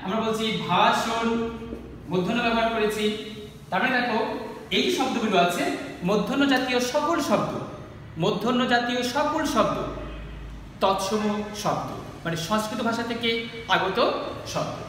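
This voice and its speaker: A male teacher with a Bangladeshi Bengali accent walks students through a grammar lesson, asking questions and then answering them himself. His voice sits very high. The sound is distant and echoey, with a faint hiss behind it. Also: moderate pace, pauses often, a bit bright. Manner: explains step by step, asks and answers his own questions.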